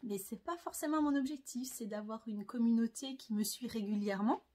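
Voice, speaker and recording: A woman's voice: on the high side, a little fast, warm tone. A French woman talking casually to camera about her sewing, chatty and hesitant, with many fillers. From France. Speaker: sewing vlogger.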